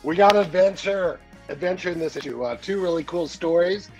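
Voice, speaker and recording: A man in his sixties, the newsletter editor and the show's regular guest, chats casually over a webcam video call from his home study, rambling with many fillers and easy laughs. His voice is high-pitched and brisk, the audio dull, with faint music behind.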